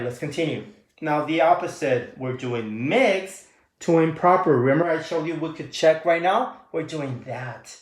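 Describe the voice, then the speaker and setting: A man teaching a recorded math lesson, walking students through each step with quick questions and answers, calling them guys. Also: mid-range voice. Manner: casual, addresses viewers as guys. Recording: echoey room.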